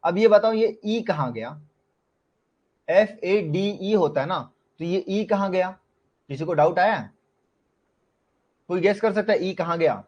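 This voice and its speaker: A man's voice: high-pitched, a little slow, pauses often, muffled recording. A man with an Indian accent teaching a live online class, explaining in Hindi mixed with English terms and putting frequent questions to his students. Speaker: shorthand teacher.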